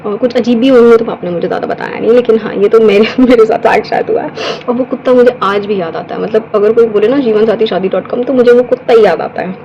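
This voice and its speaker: Chatty young woman, mellow voice. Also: fairly high pitch, fast talker, muffled recording, a little hiss or hum. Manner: chatty, animated retelling with quoted dialogue and many fillers. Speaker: vlogger. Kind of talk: casual storytelling.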